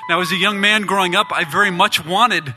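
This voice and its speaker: A man's voice: high-pitched, a little fast, pushed and bright, soft background music. A young man from the US Midwest telling his testimony to a church audience, chatty and joking. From Indiana, US Midwest. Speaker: gospel band member giving testimony. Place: church stage.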